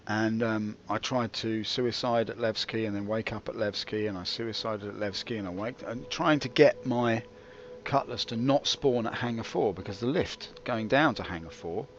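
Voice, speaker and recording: A man gives rambling game commentary in a somewhat low voice. He is dry and self-mocking and wanders off on tangents. There is faint noise behind him. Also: normal speed, lo-fi sound. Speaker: gaming video host.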